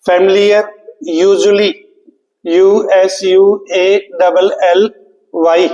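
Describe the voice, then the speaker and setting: Slow, high-voiced teacher. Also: male voice, flat delivery, dark tone, roomy sound, long reverb tail, lo-fi sound. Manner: slow, spells words letter by letter, repeats questions to students. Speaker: English teacher. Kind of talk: exam prep lecture.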